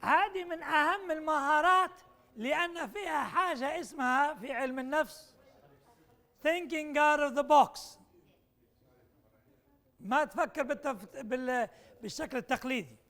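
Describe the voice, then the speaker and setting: A man leads a conference workshop puzzle, mixing Arabic and English as he playfully needles people and pushes them on. His very high voice is gravelly, pushed and bright, and he speaks at a measured pace with long pauses.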